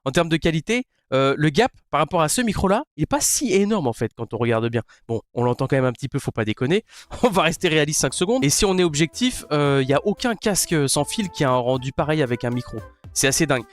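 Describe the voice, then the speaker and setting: A man's voice: a little high, sing-song, quick pace. A man casually reviewing a headset, talking through a headset mic in a crude, joking, rambling way. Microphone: gaming headset mic.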